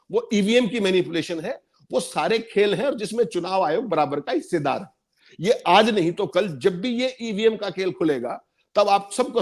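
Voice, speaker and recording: A man giving emphatic political commentary on a panel, repeating points for stress. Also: sits high.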